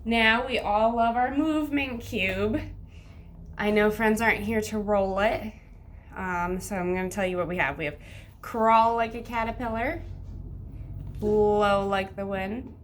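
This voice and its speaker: A woman's voice: medium pitch, steady tone, unhurried, a little hiss or hum. A woman teacher talking like a kids show host to young children, with simple sing-song instructions and counting aloud.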